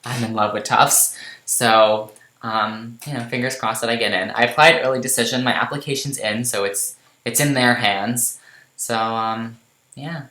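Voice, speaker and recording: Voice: mid-range voice, steady tone, normal speed, sharp tone. Rambling teen vlogger in a roomy echo. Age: late teens. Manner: rambling, filler-heavy, self-deprecating. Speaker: game vlogger. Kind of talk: casual rambling chat over gameplay.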